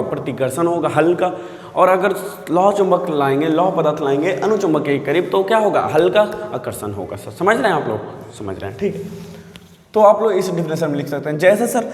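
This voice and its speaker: A man teaching physics, often repeating himself and checking the viewers understand, calling them sir. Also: high-pitched. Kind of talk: classroom physics lesson. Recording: echoey room with long reverb.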